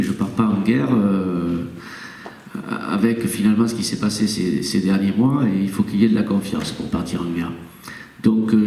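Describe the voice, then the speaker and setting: A man serving as mayor, addressing a town council meeting and reading out a formal charter, speaking hesitantly with frequent pauses and restarts. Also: on the low side, creaky, warm tone. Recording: echoey hall, voice far from the mic.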